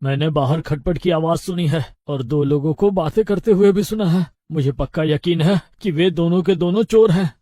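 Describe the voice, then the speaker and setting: Devout village blacksmith, played by a man: high-pitched, loud and pleading. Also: moderate pace, hardly any pauses, no room sound, clean studio sound, lightly acted. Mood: whispering urgently. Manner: loud, pleading, cries out in anguish.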